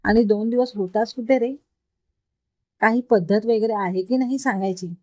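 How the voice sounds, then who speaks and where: Lady reading as a bossy young office girl, sharp scolding voice, dry sound. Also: on the high side, normal speed, no room sound, natural voice. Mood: angry. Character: young woman office worker, bossy, quick-tempered, caring.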